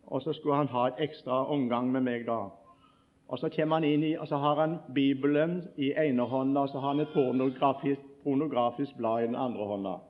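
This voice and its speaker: A man's voice: medium pitch, steady tone. A male preacher giving a sermon, telling a story earnestly with frequent restarts and emphatic peaks, on a dull lo-fi recording.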